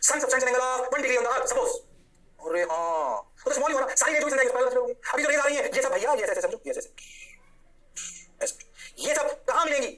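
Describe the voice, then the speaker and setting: Fast-talking energetic physics teacher, a man. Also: extremely high pitch. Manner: energetic, coaxing, fires rhetorical questions. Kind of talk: classroom lecture.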